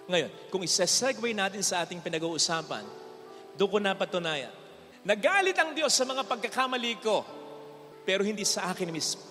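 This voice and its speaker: A male priest in his forties from the Philippines giving a homily at Mass, mixing Tagalog and English and telling stories, sometimes emphatic and sometimes hushed. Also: sits high. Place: church. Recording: church reverb with faint music.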